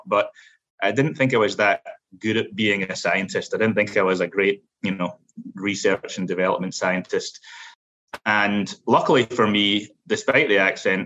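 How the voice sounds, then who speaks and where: Man, Scottish Glasgow accent, middle-aged, bright tone, dull lo-fi sound, measured with fillers. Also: fairly low pitch. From Scotland. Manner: measured, with frequent fillers and restarts. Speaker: guest, lab operations executive. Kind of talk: interview storytelling.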